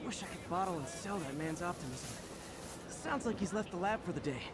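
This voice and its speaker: An actor playing an earnest young male hero and scientist, talking quickly in a wry, self-deprecating way, heard as game audio. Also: sits high, lively intonation, a loud crowd. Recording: game audio under heavy noise.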